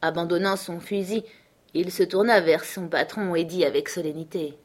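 A woman narrating a classic novel as an audiobook, in a steady, measured storytelling manner. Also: lowish voice. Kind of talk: literary narration.

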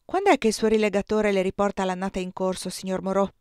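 A sharp young man with a dry, ironic edge, read by a woman in her own voice. The sound is close and dry. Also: mid-range voice, flat delivery, fast talker, smooth, no room sound, lightly acted.

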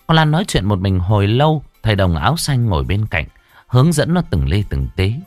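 A low-pitched male storyteller narrating with a lively, swooping delivery. The voice is close and dry, with faint music playing behind. He shapes each line dramatically. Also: a little fast, no echo. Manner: dramatic, varied delivery, voicing the characters.

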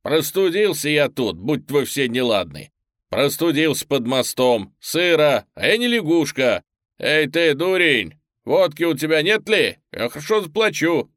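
Foreign-accented male spy, jeering and shouting from cover, voiced by a man; raised, lively voice. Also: on the high side, measured pace, no echo, clean studio sound. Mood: taunting. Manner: loud, taunting. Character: sneezing foreign spy hiding under a bridge, a taunting man.

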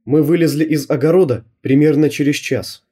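A man narrating an audiobook in a lively storytelling manner. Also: mid-range voice, moderate pace, breathy edge. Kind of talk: scripted narration.

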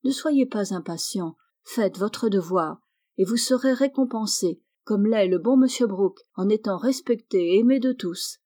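A sensible sixteen-year-old girl giving advice, as a woman reads her, motherly and earnest. Her tone is warm and mellow, at a middle pitch. A storybook reading. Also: unhurried, lightly acted.

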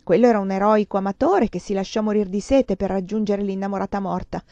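A woman's voice: medium pitch, fairly even intonation, fast, warm tone, no echo, lightly acted. A woman reading the lines of a reckless, jealous young husband in a playful, impulsive manner, with a dull, muffled sound.

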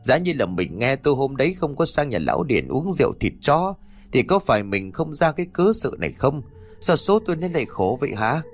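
A man's voice: medium pitch, normal speed, soft background music, close to an everyday voice. A man voicing a fretful young village wife who wails and laments. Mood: wailing. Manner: wailing, lamenting.

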